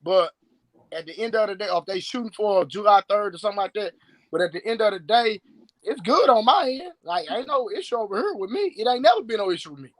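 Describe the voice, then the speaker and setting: A man in his late thirties who coaches strength and conditioning talks as a live-stream guest via video call, boastful and emphatic, often repeating words. He speaks fast in a high, very animated voice, recorded dry.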